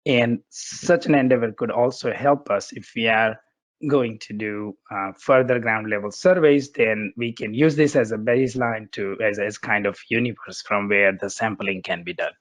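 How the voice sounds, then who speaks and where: A man with a bad cold and a muffled, congested voice, giving a halting, explanatory research presentation on a webinar. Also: lowish voice, no echo.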